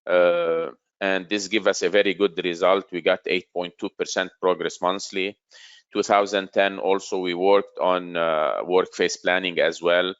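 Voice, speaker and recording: A man in his forties presenting a business webinar in a steady, explanatory way. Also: low voice, clean tone, no room sound, lo-fi sound.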